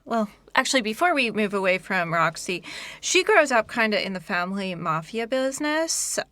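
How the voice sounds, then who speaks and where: A woman co-hosting a casual book podcast, dropping wry, deadpan asides. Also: medium pitch, normal speed, no room sound. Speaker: podcast co-host.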